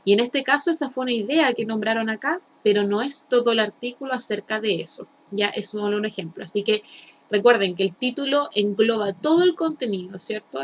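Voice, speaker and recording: A woman's voice: fairly high pitch, slight background noise. Chilean woman teaching English patiently. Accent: Chilean Spanish. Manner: explains slowly in Spanish, drills English words with students. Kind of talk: recorded remote lesson.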